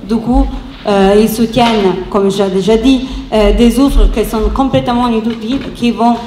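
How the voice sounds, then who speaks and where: Italian-accented woman speaking halting French, roomy echo. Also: on the high side, steady tone, warm tone. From Italy. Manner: halting non-native French with hesitations and rephrasing. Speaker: activist speaker at a round table. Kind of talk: public speech, improvised. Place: round-table event, speaking to an audience. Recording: roomy echo with faint background noise.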